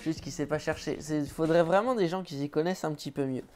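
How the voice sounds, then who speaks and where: A man's voice: fairly high pitch, fast talker, a little mellow, soft background music. A man from France talking to his viewers at home in a casual, joking, offhand vlog. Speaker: vlogger. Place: at home indoors.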